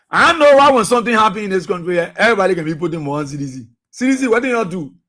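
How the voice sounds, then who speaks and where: Hosting a radio talk show, a man with a Liberian English accent speaks fast and animatedly, repeating himself, using many fillers and exhorting listeners. He keeps low and subdued for birthday greetings, then turns loud and preachy.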